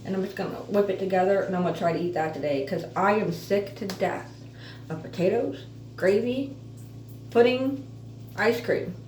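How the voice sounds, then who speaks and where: A woman with missing front teeth and softly slurred F sounds gives a casual, halting, chatty update as an earnest vlogger. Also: medium pitch. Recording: roomy echo, distant mic, faint noise.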